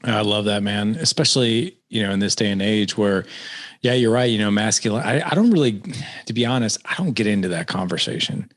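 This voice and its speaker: A podcast host in his forties interviews a guest in a fairly low voice, speaking a little fast. He chats casually and energetically, often repeats words, and asks leading questions.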